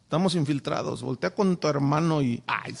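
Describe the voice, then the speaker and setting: A preacher teaches the Bible to his congregation. His voice is high for a man. He keeps throwing questions at the listeners. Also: normal speed, creaky, slight background noise. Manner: asks the audience many rhetorical questions. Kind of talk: sermon-style Bible teaching.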